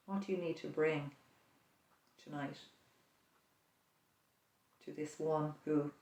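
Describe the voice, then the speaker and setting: A prayer leader gently narrates a quiet scene for the listener to picture, speaking slowly in a flat, mid-range voice with reflective pauses. The distant mic captures lots of room echo.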